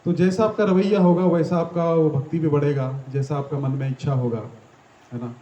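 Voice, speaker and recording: A man's voice: fairly high pitch, steady tone, moderate pace, mellow, dull audio. A man giving a devotional talk to a gathering in a small temple hall. He explains step by step, asks the audience questions and often ends his sentences with "है ना". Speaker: devotional teacher.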